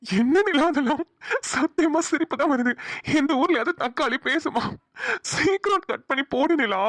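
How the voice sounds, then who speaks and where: A woman's voice: high-pitched, animated, normal speed. A woman voicing a teasing cartoon husband. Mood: amused. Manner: playful teasing, mock spooky storytelling. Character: young husband, teasing prankster. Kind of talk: cartoon voice dubbing.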